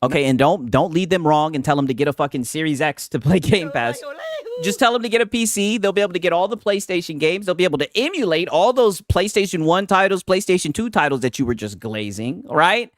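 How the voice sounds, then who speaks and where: A man co-hosting a gaming stream through a headset, his voice dry and close with almost no room sound. He talks in casual, animated banter, teasing his co-host and shouting out chat, his pitch swinging widely as he laughs and needles. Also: brisk, dry recording. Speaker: livestream co-host.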